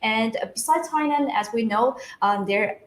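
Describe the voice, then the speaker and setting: Upbeat lady hosting a live stream, kinda high voice, questions one after another. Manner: upbeat, prompting guests with quick questions. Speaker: livestream host. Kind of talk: hosted livestream interview. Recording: roomy echo.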